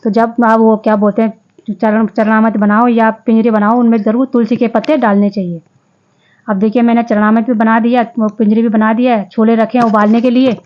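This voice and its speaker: A woman's voice: fairly high pitch, level tone, a little fast, highs cut off. A woman vlogger narrating her day in a casual voice-over, chatty, often restarting and correcting herself.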